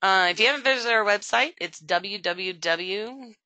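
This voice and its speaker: Brief: chatty agency trainer, crisp bright tone, dry close sound, lots of "um"s. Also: medium pitch, normal speed, dry recording. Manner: conversational, frequent "um" fillers; upbeat promotional tone. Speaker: agency sales support representative. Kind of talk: training webinar presentation.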